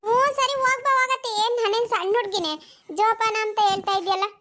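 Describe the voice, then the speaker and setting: A performer doing a squeaky sassy young daughter-in-law. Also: fast talker, bright, forceful tone. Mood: cheeky. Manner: cheeky and dismissive. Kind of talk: cartoon voice acting.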